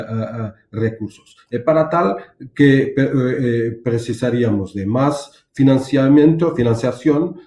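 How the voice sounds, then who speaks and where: A man with a Portuguese accent gives unscripted panel remarks in a second language. His voice is soft-edged and mellow, and he often stalls while searching for words, slipping in terms from Portuguese and English. The sound is noticeably echoey. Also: medium pitch. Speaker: panel guest, foundation representative. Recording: roomy, echoing sound.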